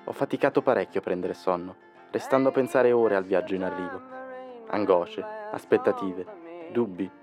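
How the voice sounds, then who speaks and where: A man's voice: low voice, steady tone, moderate pace, over music, lightly acted. A man playing a hesitant car buyer who keeps getting interrupted, also narrating his own story. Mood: brooding. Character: timid male car buyer. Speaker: customer and narrator. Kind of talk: comic audio sketch.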